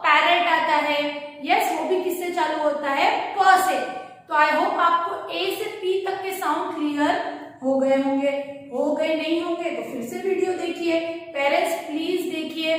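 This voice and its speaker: A woman teacher with an Indian English accent giving a phonics lesson to young children, drilling sounds through repeated questions and answers. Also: high voice. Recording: echoey room from far off, faint noise.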